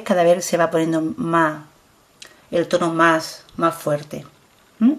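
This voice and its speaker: A beauty vlogger with a voice on the low side, a middle-aged woman with a Spanish accent from Spain, chats casually as she presents her products on camera. She repeats herself, urging her viewers to look closely.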